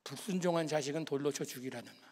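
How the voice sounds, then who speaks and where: A middle-aged man preaching, a pastor telling a personal story with emotion, moving between lively and hushed tones. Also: fairly high pitch, fast talker, long reverb tail, heavy background noise.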